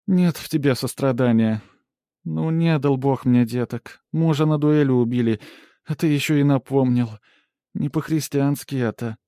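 A scheming, domineering woman who flips into syrupy pleading, put on by a male audiobook narrator. The voice sits high and shrill, theatrical and bossy. The sound is dry and close. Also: normal speed, warm tone, clean tone, no echo, lightly acted. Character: scheming wheedling middle-aged woman, domineering. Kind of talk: audiobook character voice.

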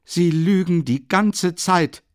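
An actor playing a proud, agitated young man who speaks loudly and insistently. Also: sits high, slow pace, clean tone, no room sound, studio quality, voice pushed up. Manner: loud, insistent, accusing.

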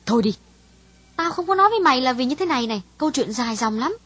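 A woman voicing a frank, worldly young woman in an audiobook, speaking bluntly to a friend in a husky voice. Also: high-pitched, expressive, rapid-fire, a bit bright, dry recording. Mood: earnest, candid. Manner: frank, dismissive storytelling. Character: calm, worldly young Vietnamese woman, older sister.

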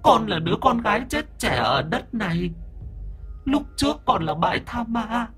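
A man's voice: high-pitched, big pitch swings, moderate pace, a bit bright, slightly rough, faint music behind, pitched above the performer's own voice, exaggerated voice. A male storyteller voicing the ghost of a young woman who died wronged, begging and sobbing in a voice half a woman's and half a man's. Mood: sobbing plea. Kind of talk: horror story narration.

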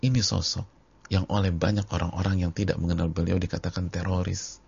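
A man's voice: deep voice, level tone, brisk, creaky, a little mellow, slightly rough, lo-fi sound. A male Islamic preacher giving a sermon, repeating phrases for emphasis and addressing the congregation directly. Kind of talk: sermon on a hadith book.

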